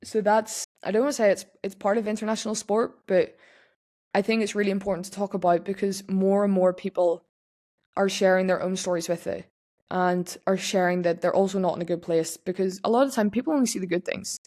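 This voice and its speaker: A young woman hosts a podcast, talking candidly and casually about personal matters with frequent restarts and plenty of "like." Her medium-pitched voice is steady, dark, and brisk.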